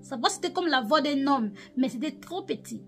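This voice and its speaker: A prophetess from DR Congo gives an emotional spoken testimony of a vision, her voice pitched very high. She repeats her phrases over and over and lifts into chanting. Faint music plays behind her. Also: expressive, normal speed, a bit bright. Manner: repetitive, emotional, switching into chanting.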